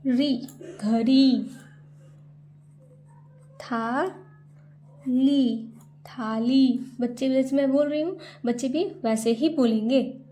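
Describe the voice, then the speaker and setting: A woman's voice: sits high, a little slow, warm tone. A woman teaching a Hindi lesson, sounding out syllables and repeating each word twice. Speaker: home tutor teaching Hindi to parents. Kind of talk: slow spelled-out lesson.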